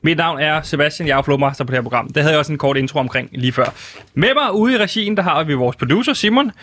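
A man's voice: fairly high pitch, animated, fairly bright tone, a little hiss or hum. A young man hosting a studio show in comic banter, short on sleep, teasing and exasperated. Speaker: host. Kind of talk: casual comedic banter. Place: radio studio.

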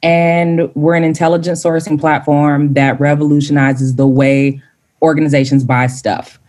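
A young woman from Dallas introduces herself on a panel with a playful, chatty manner. Her voice is very low for a woman. She speaks casually and freely. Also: little pitch movement, normal speed, a little mellow. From Dallas, Texas. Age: young adult. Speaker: account executive, panel guest.

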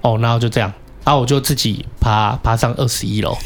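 A man with a Taiwanese Mandarin accent telling a story in casual chat, cursing and shouting when he acts out his anger. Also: medium pitch, fairly even intonation, fast, noisy background. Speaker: podcast co-host.

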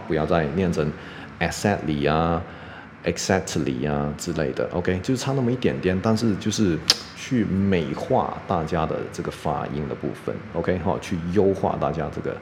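A man teaching English pronunciation on a podcast, explaining step by step, saying "OK" constantly and sounding out words slowly. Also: deep voice, darkish tone. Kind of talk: casual spoken lesson. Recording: long reverb, faint background noise.

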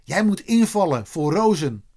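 A man voicing an eager, excited schoolboy footballer who shouts his news. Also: sits high, moderate pace, pitched above the performer's own voice, full character voice.

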